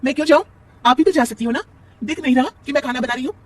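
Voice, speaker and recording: A man voicing a sharp-tongued, defiant young married woman in a storybook tale. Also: very high-pitched, rapid-fire, pitched above the performer's own voice.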